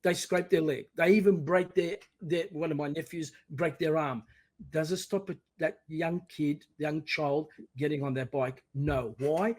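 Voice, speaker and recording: A podcast guest in his sixties from Australia answers questions in a casual interview. His voice is a little high and a little slow, full of animated energy as he often acts out parents' encouraging voices.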